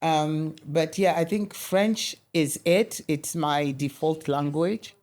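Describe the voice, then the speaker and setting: With a deep voice and a slow pace, this Kenyan woman in middle age shares animated stories during a conversational interview. She restarts her sentences many times.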